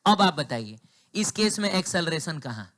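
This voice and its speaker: A man's voice: fairly high pitch, big pitch swings, moderate pace, fairly bright tone. A man teaching a physics class in with a sore throat, asking questions and answering them himself and joking with the students.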